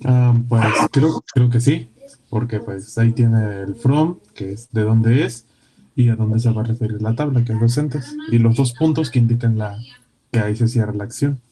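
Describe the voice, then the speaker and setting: A male student answering a question in class, hesitant at first and then explaining quickly. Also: medium pitch, a crowd in the background, rough recording.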